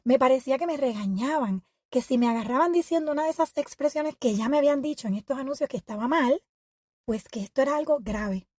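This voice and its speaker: A woman hosting an educational podcast, reading a scripted narration in a measured, reflective and explanatory way. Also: high voice, a little mellow, no room sound, clean studio sound. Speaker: podcast host.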